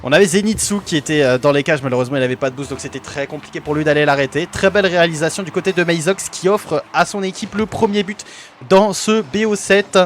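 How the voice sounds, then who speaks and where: Guy casting his team's game, lots of euh and restarts, kinda high voice, faint hiss behind. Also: quick pace. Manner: hesitant, many fillers, self-corrections. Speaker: esports caster for his team. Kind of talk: amateur play-by-play commentary.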